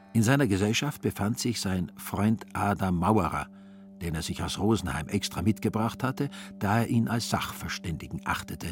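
A man with a low voice reads a literary text aloud. His telling is measured and quietly ironic, with faint music under it. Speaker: narrator. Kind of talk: literary radio reading.

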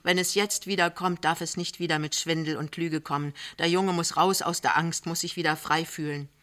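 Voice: medium pitch, steady tone, moderate pace, pushed and bright, lightly acted. A reader voicing a worried, earnest young wife in an audiobook reading, speaking with urgent, rising emphasis.

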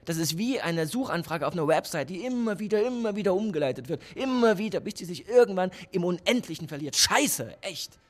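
A man's voice: sits high, lively intonation, brisk, hardly any pauses. A man playing a sardonic, lecturing cynic about love. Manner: sardonic, lecturing, swings from hushed to emphatic. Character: cynical man, calls himself a love professional. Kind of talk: radio play dialogue.

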